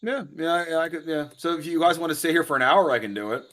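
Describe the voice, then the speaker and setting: Animated man from New Jersey, lively pitch. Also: quick pace. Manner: animated, swears freely, playful bickering. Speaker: player. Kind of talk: casual tabletop banter.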